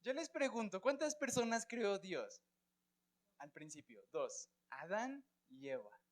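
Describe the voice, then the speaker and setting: High-voiced Colombian man teaching Bible class. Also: sing-song, slow. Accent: Colombian Spanish. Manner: asks students questions, checks with "¿sí?" and "¿listo?".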